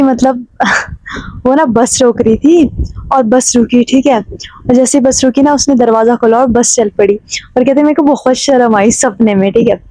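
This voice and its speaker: Young vlogger girl from himachal, mellow kinda high voice, rambles a story with lots of fillers, dry close sound. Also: no echo, poor audio. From Himachal Pradesh, India. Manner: chatty, many filler words and restarts. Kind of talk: casual storytelling to camera.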